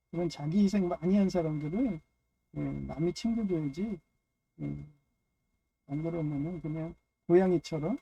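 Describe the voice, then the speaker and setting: A man's voice: a little high, vocal fry, warm tone. A man giving a loose, rambling personal monologue on faith and family, dropping frequent "yes" fillers between phrases. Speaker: speaker of a personal religious talk.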